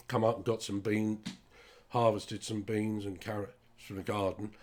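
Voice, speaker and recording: British man, lowish voice, blunt, sweary, rambling rant to listeners. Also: a little mellow. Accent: British English. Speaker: vlogger. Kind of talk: casual ranting monologue.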